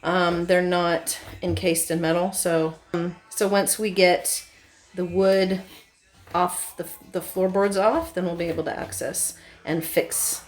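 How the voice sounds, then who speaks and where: Speaking slowly with a flat delivery, a woman with a lowish voice narrates her DIY school bus project. Her vlog is casual and explanatory, and ambient noise can clearly be heard in the background.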